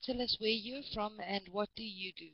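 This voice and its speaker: A woman's voice: medium pitch, steady tone, moderate pace, dull audio, slight background noise. A woman from South Africa teaching English to a large online class, patient and encouraging, often repeating students' names.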